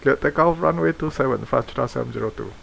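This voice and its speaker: A man's voice: mid-range voice, quick pace, creaky, fairly bright tone, slight background noise. A man playing an airline pilot, reading clipped cockpit callouts and radio calls into a headset mic. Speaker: flight sim player acting as pilot.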